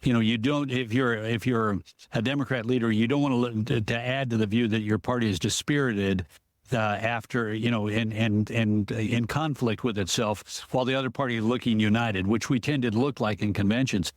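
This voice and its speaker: Man breaking down politics on a podcast, talks it through steady, pretty dry mic. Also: medium pitch, dry recording. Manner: measured, explanatory, often restarts sentences. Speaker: political analyst guest. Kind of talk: podcast interview.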